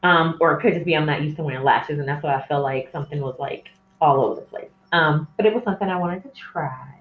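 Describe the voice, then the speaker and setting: Deep-voiced and fast, a woman hosts a casual, candid solo podcast, rambling and easily sidetracked. A distant cell phone records her in an echoey indoor room with plants, producing dull audio with a little hiss or hum.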